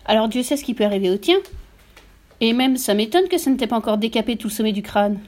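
A shrieking, sharp-tongued mother, vain and bossy, who scolds her husband without letup, put on by a woman reading an audiobook. The voice sits high and loud, well above the reader's usual tone, with biting, insulting words. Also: fast, close to an everyday voice. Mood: scolding.

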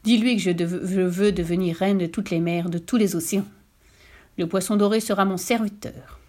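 A woman's voice: medium pitch, fairly even intonation, moderate pace, darkish tone, natural voice. A woman reading a storybook and voicing a greedy, domineering old peasant wife with a harsh, commanding voice. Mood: demanding.

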